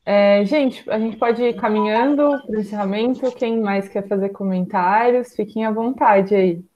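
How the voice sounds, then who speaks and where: A woman's voice: medium pitch, unhurried, muffled recording, a little hiss or hum. A woman moderating an online study group, speaking in a friendly, informal way. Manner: friendly, informal, uses slang. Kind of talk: casual online discussion.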